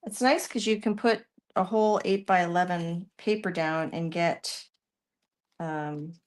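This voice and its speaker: A fairly low, steady-toned voice, slightly slow, belongs to a woman with a Canadian accent leading a live art demonstration. As she works, she talks through each step and answers questions from viewers. She's chatty, thinks aloud, and often leaves sentences hanging.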